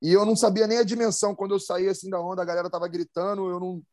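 A fairly high-voiced man tells a surf story in a loose, slang-filled rush. He keeps restarting his sentences and acts out the moments with sound effects. The sound is dry and close, with no room around it. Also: flat delivery, racing, a little mellow, dry recording. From Brazil. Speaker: professional big-wave surfer, guest. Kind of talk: casual storytelling in a podcast chat.

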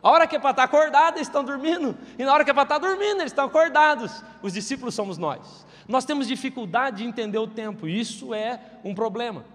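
A man's voice: very high-pitched, expressive, quick pace, few pauses, fairly bright tone, in a large hall. A man preaching a sermon as pastor, emphatic, with rhetorical questions to the congregation.

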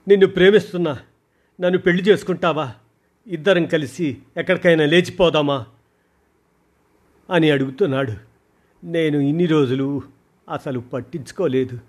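A man voicing a frightened, tearful teenage schoolgirl who pleads in a high, strained voice. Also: normal speed, long pauses, lightly acted. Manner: sobbing, pleading, high-pitched.

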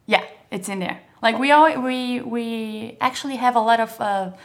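A woman's voice: fairly high pitch, moderate pace. Giggly young Brazilian woman. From southern Brazil. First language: Portuguese. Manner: hesitant, many fillers, giggly. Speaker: interview guest, model. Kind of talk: casual interview chat.

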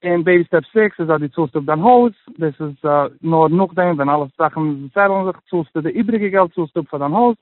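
Male interview guest, higher-pitched, hesitant with lots of restarts and English mixed in, phone-line quality. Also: dry recording. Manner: halting, many restarts, mixes in English phrases. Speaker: guest sharing his personal budgeting story. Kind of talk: casual interview chat.

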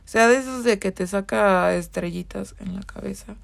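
Podcast guest: Mexican woman, heavy vocal fry, mid-pitched, candid and profane storyteller. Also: moderate pace. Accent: Mexican Spanish. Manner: candid, swears freely, many fillers. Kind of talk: casual storytelling.

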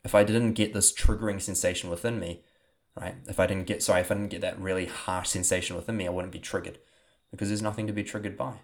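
Speaking fast in a low, steady voice, a young man with a New Zealand accent wraps up his podcast. The host, who is also a coach, keeps it casual and keeps restarting and using filler words.

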